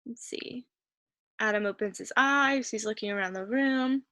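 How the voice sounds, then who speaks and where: During a reading comprehension lesson, a woman teacher patiently covers a worksheet, encouraging students and thinking aloud as she searches the passage. Her voice is on the high side with a sharp tone, at a moderate pace, and there's no room sound.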